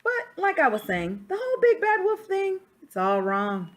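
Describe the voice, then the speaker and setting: Woman voicing indignant Big Bad Wolf, wildly swooping pitch. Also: huge pitch swings, normal speed, heavily acted. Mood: self-justifying. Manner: folksy, emphatic, protesting innocence. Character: indignant, self-justifying big bad wolf telling his side. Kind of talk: storybook read-aloud.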